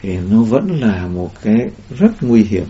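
A man's voice: on the low side, sing-song, unhurried, mellow, slight background noise. A man giving a Buddhist dharma talk in a rambling way, with many fillers and restarts. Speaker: Buddhist teacher. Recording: dull lo-fi recording.

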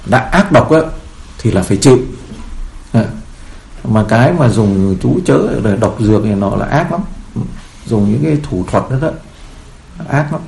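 A man's voice: lowish voice, animated, normal speed, creaky, pauses often, a little mellow. A man as a Buddhist teacher giving a sermon, telling stories in a rambling way with many fillers, in a roomy echo.

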